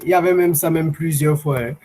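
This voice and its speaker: Patient male teacher on a video call, slightly higher-pitched, explains step by step. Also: steady tone, dark tone, poor audio. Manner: patient, repeats examples slowly. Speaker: language teacher. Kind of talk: online class explanation.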